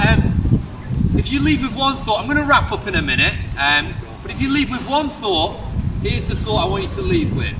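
A man in his thirties from the UK preaching an open-air street sermon, projecting loudly and firing rhetorical questions at passers-by. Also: very high voice. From United Kingdom. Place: outdoor pedestrian shopping street. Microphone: far camera, unmiked open air. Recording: distant voice with street noise. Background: street ambience and passers-by.

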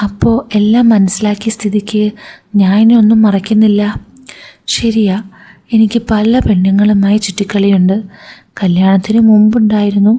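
Woman reading as a smug young son-in-law, cool and unapologetic, flat delivery, husky tone. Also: medium pitch, moderate pace, lightly acted. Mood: unashamed.

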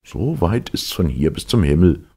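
A man voicing a humble, anxious servant in a storybook reading, pitching his voice up and pleading eagerly. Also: very animated, moderate pace, darkish tone, breathy edge, exaggerated voice.

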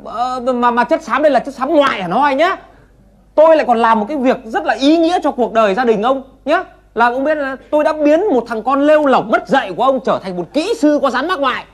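An actor playing a slick, shady study-abroad agency director in a comedy sketch, brash and scolding. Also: male voice, extremely high pitch, lively intonation. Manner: brash, fast-talking, scolding.

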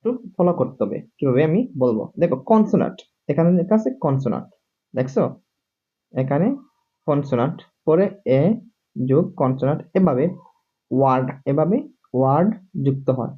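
A man's voice: medium pitch, expressive, normal speed, pauses often, husky. Repetitive man teaching English words. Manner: repetitive, drills words over and over; keeps asking "see?" to the viewer. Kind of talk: classroom-style video lesson. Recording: dull lo-fi recording.

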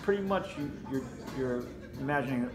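This martial arts trainer has a mid-range voice with lively intonation and a moderate pace, chatting casually in an interview and leaning on "you know" as he explains. He's recorded indoors at a matted gym by a camera a few feet off, with room echo and faint music behind him.

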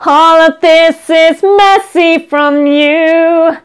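A woman voicing a gentle male saint in a storybook who eagerly repeats himself as he forgives. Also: extremely high pitch, steady tone, very slow, voice pushed up, heavily acted. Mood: pleading.

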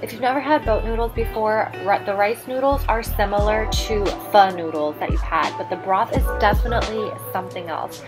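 Female food vlogger, 20s, casual review voice-over, medium pitch, prominent music underneath. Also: fairly quick, few pauses. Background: loud music.

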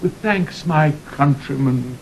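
An actor playing a haughty, mocking young king in a declamatory, classical Shakespearean audio drama style. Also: slow. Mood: scornful. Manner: declamatory, crisply theatrical, sardonic. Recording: dull vintage 1960 recording, faint rumbling hiss.

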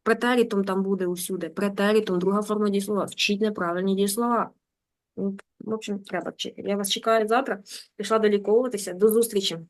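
A woman teaching German online. She reads a story aloud slowly and translates it with quick explanatory asides. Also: medium pitch, fairly even intonation.

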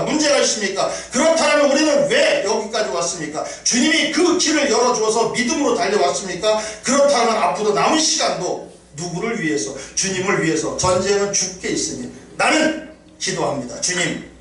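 A man's voice: sits high, a bit bright. A middle-aged man preaching a sermon as a pastor. He speaks emphatically and rises into quoted prayers. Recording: echoey hall from far off, faint noise.

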